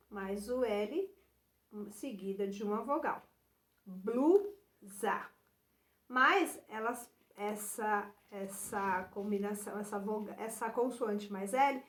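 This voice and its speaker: A woman teacher with a Brazilian accent guiding children through a workbook exercise, spelling out syllables and letters patiently and filling pauses with little check-ins. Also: a little high, reverberant. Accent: Brazilian Portuguese. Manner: addresses children directly, many fillers like "né" and "então". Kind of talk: remote lesson walking through a workbook.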